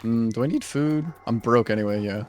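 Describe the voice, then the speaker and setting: A man's voice: mid-range voice, a little fast, a little mellow, soft background music. A male streamer casually thinking aloud while playing a game, rambling and unsure, with lots of "like". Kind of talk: casual gameplay commentary.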